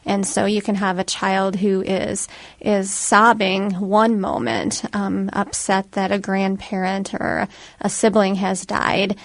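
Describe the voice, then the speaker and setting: A woman's voice: mid-range voice, vocal fry, no room sound. A woman giving plain-spoken, explanatory answers as a radio interview guest, with frequent ums between phrases. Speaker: hospice program worker, interview guest.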